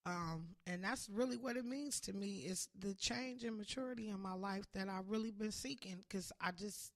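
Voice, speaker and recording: A woman in her forties, a comic and jail case manager, chatting casually in a podcast, slangy and animated, breaking into loud acted-out bits. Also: mid-range voice, moderate pace. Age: 40s.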